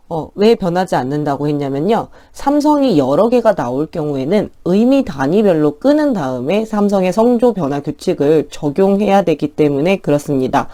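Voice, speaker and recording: A woman teaching an online language lesson in a friendly, polite explaining tone, slowly drawing out words as pronunciation models. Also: sits low, mellow.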